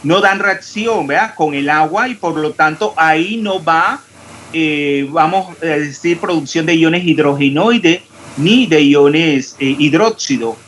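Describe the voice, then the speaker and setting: Speaking slowly, a man from Panama leads an online chemistry class, testing students and correcting them. He articulates each consonant, final s included, in a voice slightly high for a man, with a faint hiss underneath.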